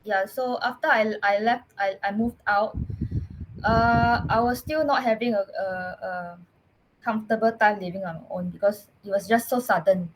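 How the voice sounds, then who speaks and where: A woman with a Singaporean English accent telling her own story as a podcast guest, earnest and halting, often restarting her words. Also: medium pitch, background noise. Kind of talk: personal storytelling in casual chat.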